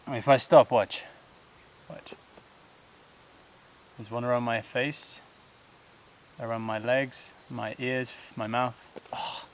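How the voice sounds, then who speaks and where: A man's voice: medium pitch, little pitch movement, unhurried, a little hiss or hum. A man talking to the camera while climbing a steep trail outdoors, out of breath, rambling loosely with fillers and laughs. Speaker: vlogger. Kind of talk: casual talk to camera while hiking. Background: buzzing insects.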